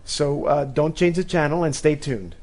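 A man's voice: on the high side, normal speed, music in the background. A man hosting a panel talk, putting questions to his guests in a conversational style. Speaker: host.

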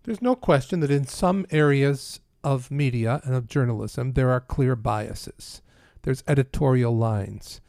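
Earnest, measured priest as guest. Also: male voice, mid-range voice, gravelly, dry recording. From Canada. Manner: earnest, measured, warmly praising, dry quips. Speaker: priest and Vatican press aide. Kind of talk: interview guest, earnest conversation.

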